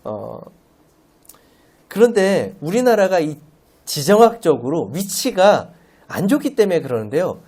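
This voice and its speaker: A man preaching a Sunday sermon as a lay preacher, playful and animated, often asking the congregation rhetorical questions. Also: high voice, unhurried, long pauses, husky. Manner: playful, uses everyday comparisons.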